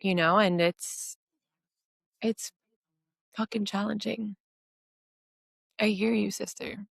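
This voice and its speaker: A woman hosting a podcast, gentle and affirming in a supportive spiritual conversation. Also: medium pitch, fairly even intonation, slow, creaky, husky, dry recording, studio quality. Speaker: podcast host.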